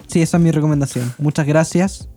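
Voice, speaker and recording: A man's voice: on the high side, dark tone, soft background music. A man of twenty-three from Chile with a Chilean accent, co-hosting a podcast in a playful, jokey casual chat. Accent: Chilean Spanish. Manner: playful, jokey, quick recommendations. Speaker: podcast co-host.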